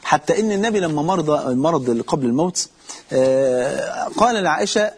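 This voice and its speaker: Fast-talking husky Egyptian preacher. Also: male voice, on the high side, expressive. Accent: Egyptian Arabic. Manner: storytelling with slow, drawn-out quotes; addresses listeners directly. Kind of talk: sermon.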